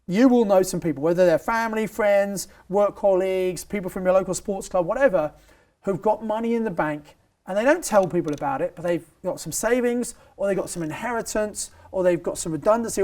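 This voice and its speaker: A man's voice: high voice, a little mellow. A man hosting a property training interview, emphatic and repeating his key phrases as he coaches the audience.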